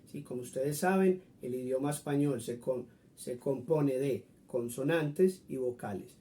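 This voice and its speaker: A man's voice: medium pitch, measured pace, warm tone. A man teaching a friendly Spanish lesson, patiently explaining and repeating example words for his viewers.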